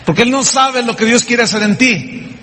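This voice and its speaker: A man's voice: extremely high pitch, moderate pace, sharp tone. Male pastor preaching in a reverberant hall. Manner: emphatic preaching, rhetorical questions to the congregation. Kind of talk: sermon.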